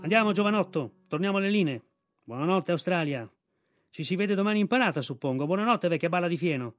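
A man's voice: high-pitched, expressive, fast talker, no room sound, clean studio sound, faint music behind. A man voicing an old veteran army mule in an audiobook, blunt and bossy. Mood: gruff. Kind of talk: audiobook reading.

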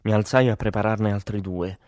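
A man with a low voice reads a first-person story aloud in a measured, matter-of-fact way. The recording is dry and close, with no room sound. It is a steady audiobook read. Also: no room sound. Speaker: audiobook narrator. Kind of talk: scripted literary narration.

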